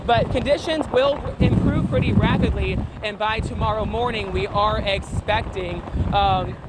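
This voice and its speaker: A man's voice: high-pitched, unhurried. A man giving a live storm report as a field reporter, raising his voice to project over the wind. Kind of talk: live breaking weather reporting. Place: outdoors on a roadside in hurricane wind. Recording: very loud wind noise on microphone. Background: wind gusts and roaring.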